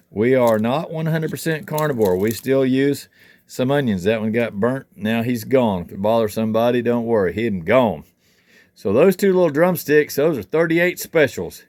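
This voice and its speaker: A man's voice: mid-range voice, a little mellow, no echo. A man hosting a casual cooking vlog at an outdoor cook shack, talking in a folksy, chatty way and thinking aloud as he works while holding the camera himself. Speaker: home cook and channel host. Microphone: handheld camera.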